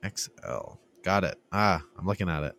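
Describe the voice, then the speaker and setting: A man's voice: sits low, lively intonation, vocal fry, fairly bright tone, a little hiss or hum. A man chatting casually on a podcast, reacting with short comments and playful jokes. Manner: quick joking reactions, playful. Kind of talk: casual chat.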